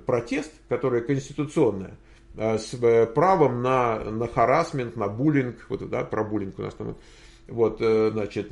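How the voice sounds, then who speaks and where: Older man with a gravelly voice, rambling. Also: medium pitch, darkish tone. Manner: rambling, thinking aloud with many hesitations. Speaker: host answering viewer questions. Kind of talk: casual livestream Q&A.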